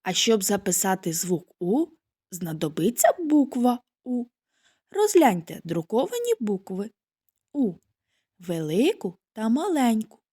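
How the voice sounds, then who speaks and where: Slow, sing-song woman teaching young children. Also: a little high, very animated, breathy edge. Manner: gentle, addresses children warmly, draws out vowel sounds. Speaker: preschool teacher. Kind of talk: scripted literacy lesson for young children.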